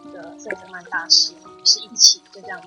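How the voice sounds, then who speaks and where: A woman's voice: on the low side, steady tone, fast talker, soft background music, poor audio. A woman guest on a talk podcast, telling a personal spiritual story in an earnest, emotional way. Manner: earnest, emotional storytelling with soft-spoken quoted dialogue.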